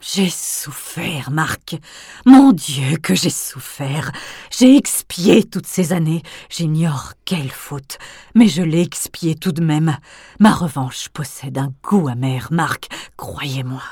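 A woman voicing a cold, menacing elderly aristocratic grandmother in an audiobook, speaking in hushed, often whispered tones that swell into threats. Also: low-pitched, slow, no room sound, clean studio sound. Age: older. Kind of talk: audiobook character reading.

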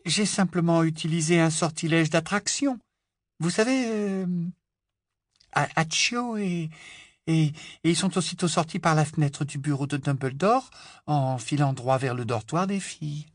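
A man's voice: fairly high pitch, animated, normal speed, no room sound, studio quality, voice pushed up. A man voicing an anxious, studious teenage girl witch who stammers and pleads. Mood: flustered.

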